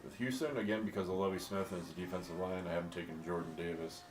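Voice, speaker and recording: Deep-voiced guy thinking out loud, laid back, echoey room with a bit of hiss. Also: steady tone, fast. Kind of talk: casual draft pick discussion.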